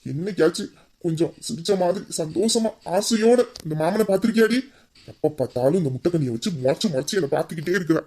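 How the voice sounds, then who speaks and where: Affectionate teasing young husband, acted out in a romantic audio drama, coaxing, soft murmurs, medium pitch. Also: animated, fast.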